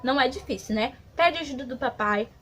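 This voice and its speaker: A woman with a Brazilian accent teaching young children in an online lesson, stretching words slowly and asking many questions. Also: high-pitched, expressive, fairly bright tone. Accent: Brazilian Portuguese. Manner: slow, drawn-out words for small children. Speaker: preschool teacher.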